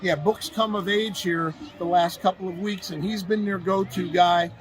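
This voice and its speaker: A man hosting a high school football preview, breaking down the game and interviewing a coach in a conversational, analytical way. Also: steady tone, moderate pace, faint music behind, rough recording. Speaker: sports show host.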